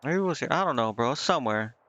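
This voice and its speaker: Speaking fast and expressively in a mid-range, fairly bright voice, a man streams a game with casual live commentary. He reads the game's text out and thinks aloud without settling on decisions. The sound is lo-fi, with game music behind him.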